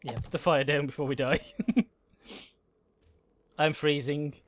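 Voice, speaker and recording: Give me a jokey man on a co-op game stream, talking casually with a friend. His voice sits a little high, and he laughs easily between lines. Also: little pitch movement, measured pace, a bit bright. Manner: laughs often, jokey and chatty. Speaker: gaming channel host. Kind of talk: casual let's-play chat.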